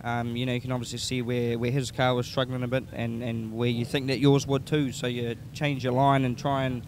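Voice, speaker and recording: A man's voice: mid-range voice, level tone, a little fast. A man with a broad New Zealand accent, a racing driver chatting casually in a post-race interview. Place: outdoors in speedway pits. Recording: noisy outdoor pits, vehicles behind.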